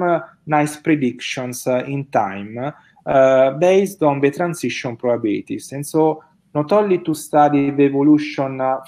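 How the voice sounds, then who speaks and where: A middle-aged man with a mellow, medium-pitched voice answers audience questions over a video call from indoors at home, picked up by a webcam mic. He sounds hesitant, full of fillers and restarts.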